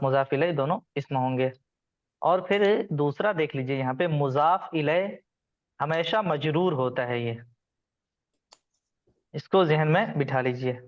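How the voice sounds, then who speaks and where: A man's voice: on the high side, muffled recording. A man teaching an online grammar class, patiently explaining rules and calling on students by name.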